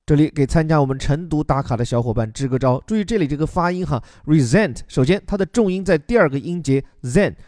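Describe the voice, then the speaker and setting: A man's voice: on the high side, a little mellow, dry recording, studio quality. A man who teaches as a podcast host, patiently explaining an English news article word by word with examples.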